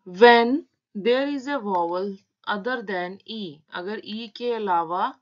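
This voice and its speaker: A woman teaching shorthand in a tutorial, patiently breaking words into their sounds. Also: medium pitch. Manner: slow, patient, spelling out sounds. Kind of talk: step-by-step tutorial explanation. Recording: dull lo-fi sound.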